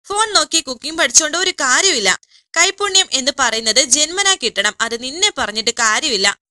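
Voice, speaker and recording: A woman's voice: high voice, animated, moderate pace, sharp tone, full character voice. Lecturing bossy aunt, read by a woman narrator. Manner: lecturing, scolding. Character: bossy middle-aged aunt.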